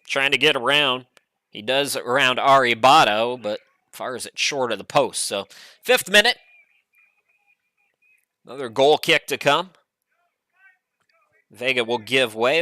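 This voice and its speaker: A middle-aged man calling a college soccer match play-by-play from a home studio, chatty and relaxed with frequent fillers. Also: mid-range voice, no room sound. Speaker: play-by-play commentator.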